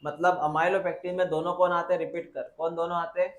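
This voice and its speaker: A man with a fairly high, fairly flat voice teaches biology in an echoey classroom, and the audio sounds dull. During the lecture he repeats each point several times and quizzes his students with quick, short questions.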